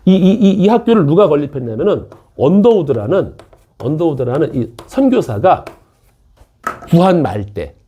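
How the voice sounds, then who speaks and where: A man's voice: on the high side, dark tone, husky. A middle-aged man tutoring math, chatting casually with his students and telling a school story, acting out the teachers he quotes. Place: small classroom.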